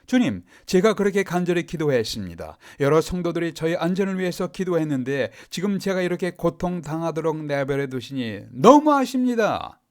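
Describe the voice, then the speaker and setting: A man's voice: a little high, very animated, fairly quick, few pauses, a little mellow, voice pushed up. Guy doing an upset apostle begging god, pleading questions, voice jumping all over. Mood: pleading, aggrieved. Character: pleading anguished apostle, grown man, aggrieved.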